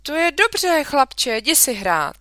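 A woman's voice: sits high, big pitch swings, pushed and bright, no room sound, voice pushed up, full character voice. A woman reading a children's story aloud, voicing an exasperated, blustering father. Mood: absent-minded.

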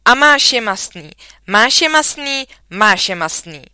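A woman's voice: fairly high pitch, pushed and bright, dry recording, pitched above the performer's own voice. A woman doing a taunting schoolboy.

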